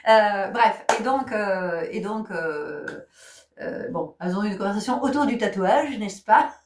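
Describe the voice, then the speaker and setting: A woman's voice: medium pitch, animated, unhurried, background noise. Chatty woman heard from afar in a roomy space. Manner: chatty storytelling, many fillers and restarts. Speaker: spiritual guide and vlogger. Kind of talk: casual chat. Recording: roomy sound from a distant mic.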